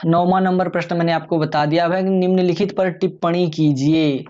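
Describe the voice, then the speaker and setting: A man explaining exam topics in a relaxed, conversational lecture, addressing viewers as friends. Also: on the high side, normal speed, muffled recording. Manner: chatty, many fillers and restarts. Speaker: exam tutor.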